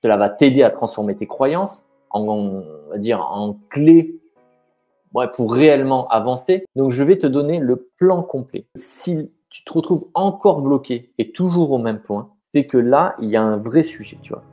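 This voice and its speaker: A man's voice: medium pitch, expressive, moderate pace, mellow, soft background music. A man coaching the viewer directly in an informal, encouraging way, with fillers and restarted sentences. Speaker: business mindset coach. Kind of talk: coaching video talking straight to the viewer.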